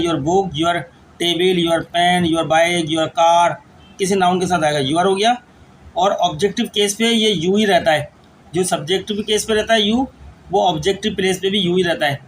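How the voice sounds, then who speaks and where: A man teaching English grammar, dictating rules slowly word by word as he writes them out. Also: sits high, slight background noise, low-quality recording. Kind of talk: lecture explaining grammar rules.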